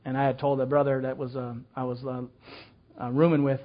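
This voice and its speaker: A man's voice: mid-range voice, level tone, brisk, muffled recording. An older man teaching a children's ministry class in a casual, folksy way, full of fillers and restarts.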